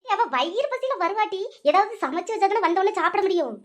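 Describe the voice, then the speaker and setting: A woman doing a high, bickering old mother-in-law. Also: animated, fast. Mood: quarrelling. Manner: bickering, scolding, self-pitying. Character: older mother-in-law, quarrelsome and bossy. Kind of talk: cartoon voice acting.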